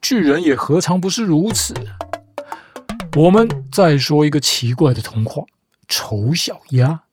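Guitar music plays behind a podcast host who retells fairy tales with playful, teasing, mock-reasonable commentary. His voice sits on the high side and he takes his time.

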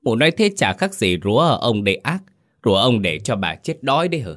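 A man voicing a cruel, bad-tempered old village chief who shouts and scolds. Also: medium pitch, big pitch swings, brisk, pitched above the performer's own voice. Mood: angry scolding.

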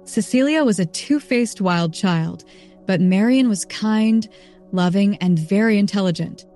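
A meek serving woman from a castle answers in a deferential, mid-pitched voice, as a woman reads her part. This is a storybook reading with faint music in the background. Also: unhurried, mellow, lightly acted.

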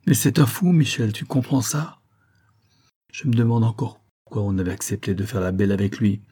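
A man reading as a frightened Italian man, hushed. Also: fairly low pitch, animated, fairly quick, husky. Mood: pleading. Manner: hushed, near-inaudible murmur. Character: frightened middle-aged Italian man confessing.

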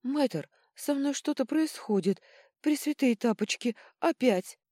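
A woman voicing a distressed young princess who pleads in a high voice. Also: level tone, moderate pace, dark tone, no room sound, studio quality, lightly acted. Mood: frightened.

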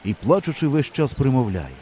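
A male audiobook narrator with a dark, mellow voice. He reads with lively, animated intonation that rises and falls with the story. A faint noise sits under the recording. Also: medium pitch, fairly quick. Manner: expressive storytelling reading. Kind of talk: scripted narration.

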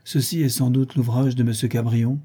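A man voicing a reserved gentleman tenant who speaks politely and evenly. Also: mid-range voice, fairly even intonation, breathy edge, close to an everyday voice. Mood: courteous. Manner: polite and measured.

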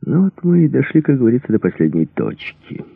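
A man's voice: low voice, very animated, fairly quick, husky, no room sound, phone-quality sound, full character voice. A man reading an audiobook voices a frightened enemy officer who begs and bargains in a trembling voice. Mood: pleading.

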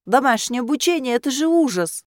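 A sulky, sharp-tongued schoolgirl who grumbles at everyone, as a woman reader puts her on. The voice sits raised and lively in a dry, close storybook reading. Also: high-pitched, a little fast, no echo, pitched above the performer's own voice. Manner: grumbling, sullen. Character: sulky sharp-tongued teenage girl in butterfly costume.

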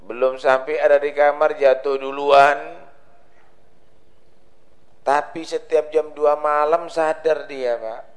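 A man's voice: fairly high pitch, steady tone, slow pace, long pauses. A man preaching a dawn sermon, telling stories and acting out the people in them. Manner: dramatic storyteller, voices the people in his tales.

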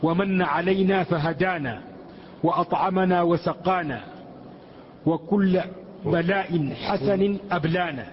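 A man reading a religious text aloud in a lesson, slowing for quotations. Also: high-pitched. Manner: slow measured recitation of quotations. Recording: muffled lesson recording in a reverberant hall.

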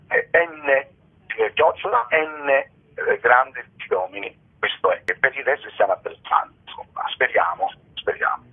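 A male comedian, appearing as a guest on a radio interview, chats casually in a rambling, tongue-in-cheek, mock-solemn way. His mid-range voice has vocal fry and a breathy edge, and it comes through a muffled telephone line.

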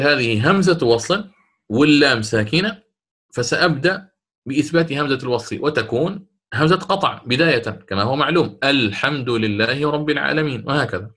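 A man, a sheikh, explaining a recitation poem in a lesson, chanting the verses slowly and checking his listeners with quick questions. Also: mid-range voice, pushed and bright. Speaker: sheikh teaching Quranic recitation.

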